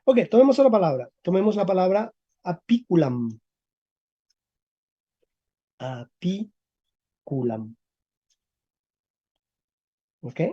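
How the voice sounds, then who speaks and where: A male teacher giving a lecture on the history of Spanish, explaining step by step and checking with quick tag questions. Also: high voice, very animated, mellow, no echo. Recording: dull lo-fi recording.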